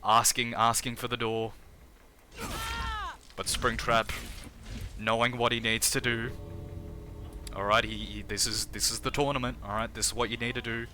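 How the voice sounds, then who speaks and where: A man with an Australian accent casting a live game tournament in a chatty, energetic way, often restarting his phrases. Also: mid-range voice, moderate pace, pauses often, slight background noise. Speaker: tournament caster and streamer.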